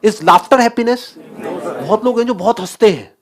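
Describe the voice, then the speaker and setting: A man's voice: high voice, lively intonation, measured pace. A man giving a motivational talk, asking the audience questions and mixing English phrases into his speech. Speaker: motivational speaker.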